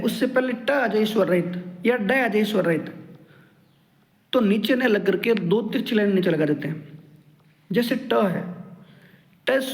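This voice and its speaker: A man teaching a grammar lesson, explaining each rule step by step and repeating it several times. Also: sits high. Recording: echoey room with long reverb.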